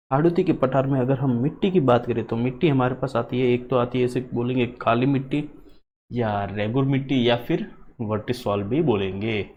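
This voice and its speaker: A man teaches a geography lesson for exam takers, repeating each point and quizzing the class in return. His voice sits at an average pitch and comes through a dull, low-fidelity recording with faint hum behind it. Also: darkish tone.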